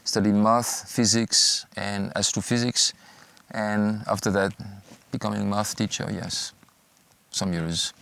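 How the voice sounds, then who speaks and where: A man with a French accent, for whom English is a second language, speaks as a pastor in an interview. His voice sits on the low side and the recording is dry and close. He thinks aloud, stopping and restarting his sentences. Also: level tone, creaky, a bit bright, no echo. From France. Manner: thoughtful, halting with restarts. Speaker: pastor, former math teacher. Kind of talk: interview answer.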